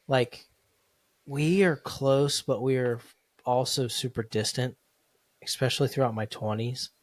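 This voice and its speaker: A man's voice: mid-range voice, fairly even intonation, unhurried, no echo. Laid-back man co-hosting a podcast, dry sound. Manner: laid-back, says "dude" and "like" a lot. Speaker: podcast co-host. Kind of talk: casual conversation.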